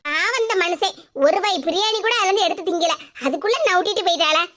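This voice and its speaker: A woman's voice: very high voice, quick pace. A woman voicing a gossipy, sly older neighbour woman in a cartoon, speaking in a mocking, scolding way. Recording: loud hiss behind voice.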